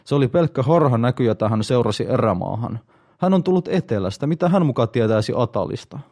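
A man's voice: mid-range voice, lively intonation, dark tone. A man voicing a scornful warrior who scoffs at tales, in an audiobook reading. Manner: scoffing, grumbling. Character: scornful burly male warrior.

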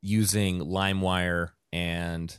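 Halting middle-aged man, dry close mic. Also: sits low, flat delivery, clean tone, dry recording. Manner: halting, restarts often, friendly questions. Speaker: podcast host. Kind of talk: casual podcast chat.

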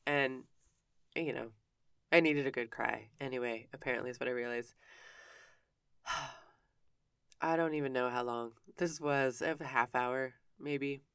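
A woman's voice: a bass voice, fairly even intonation, a little slow, long pauses, a bit bright, smooth, no room sound, clean studio sound. Frank woman telling a personal story. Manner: candid, frank with casual swearing; self-interrupting with frequent restarts. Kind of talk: personal story told conversationally.

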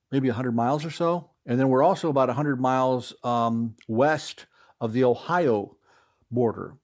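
A darkish, mid-range voice belongs to a middle-aged man from Fort Wayne, Indiana, with an American accent. Appearing as an interview guest, the stage actor and audio drama creator chats casually, punctuating his anecdotes with strong emphasis.

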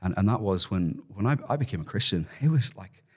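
A man's voice: low-pitched, lively intonation, a little fast, husky. A man with an Irish accent speaking as an interview guest, reflective and often repeating words as he thinks aloud. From Ireland. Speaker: podcast guest, ministry worker. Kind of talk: conversational interview.

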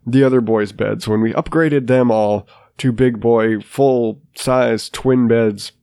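A man in his thirties with a sinus infection hosts a casual solo podcast, talking in a rambling, self-deprecating manner and restarting often. He takes it slowly in a steady, medium-pitched voice that is dark and smooth, with no echo.

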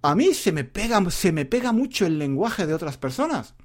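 A man's voice: high voice, sing-song, normal speed. A man, teaching in a casual, chatty monologue that rambles and often repeats itself. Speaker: Spanish teacher and podcaster. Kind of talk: casual spoken lesson monologue.

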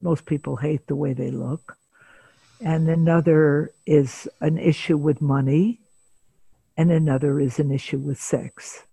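An older woman speaking as a therapist guest in an interview, unhurried and deliberate, with frequent pauses between phrases. Her voice carries a gravelly texture and a husky, breathy edge. The sound is close and dry, with no room around it. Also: sits low, fairly even intonation, mellow, dry recording. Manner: measured, pauses often with filler sounds. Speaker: psychotherapist guest. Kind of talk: storytelling in an interview.

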